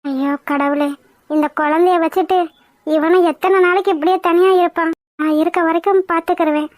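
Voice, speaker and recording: Fussing cartoon grandma, very high and close: a woman playing an old village granny, scolding and fretful. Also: fairly even intonation, fairly quick, no room sound.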